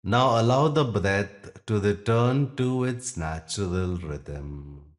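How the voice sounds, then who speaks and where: Very slow and deep, a man's voice walks listeners through a yoga nidra meditation, giving gentle instructions in short phrases broken by long pauses. He sounds animated.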